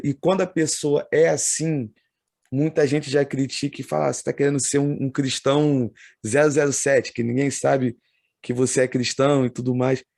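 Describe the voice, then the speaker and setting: A man's voice: medium pitch, vocal fry, darkish tone, no echo. A man from Brazil, hosting a podcast and reflecting in casual talk, picking up speed as he makes a point. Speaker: podcast host.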